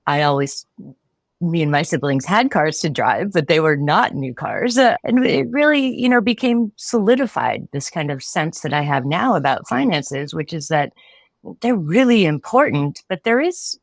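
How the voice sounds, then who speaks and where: Low-voiced woman in her forties, podcast guest: reflective, unhurried answers, dry close mic. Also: sing-song, no room sound. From Connecticut. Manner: thoughtful, frequent restarts and light laughs. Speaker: philosophy professor, podcast guest. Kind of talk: casual interview answers.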